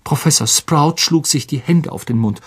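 A man reading an audiobook as narrator, expressive and unhurried. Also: fairly high pitch, breathy edge. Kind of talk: scripted narration.

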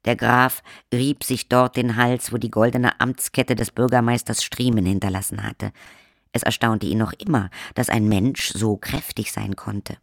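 A man narrating a comic fantasy audiobook in a wry, measured way. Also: medium pitch, steady tone, creaky, no echo, studio quality. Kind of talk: scripted narration.

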